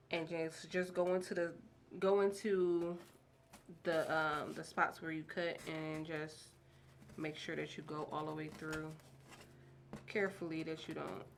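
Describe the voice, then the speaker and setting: A woman casually explaining a craft project step by step, chatty and excited about her materials. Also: low-pitched, slight background noise. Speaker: craft tutorial host. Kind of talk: casual DIY how-to narration.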